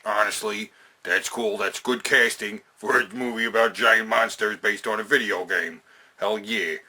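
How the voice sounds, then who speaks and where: The host of a casual video game and movie countdown voices his opinions in emphatic, sweary slang, repeating phrases for effect. His medium-pitched voice is husky, pushed and bright.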